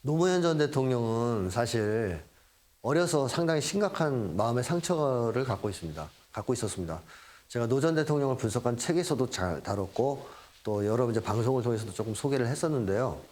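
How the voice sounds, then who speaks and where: A man's voice: mid-range voice, expressive, brisk, darkish tone. A middle-aged man giving a lecture, acting out quoted lines and chuckling now and then. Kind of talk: lecture talk.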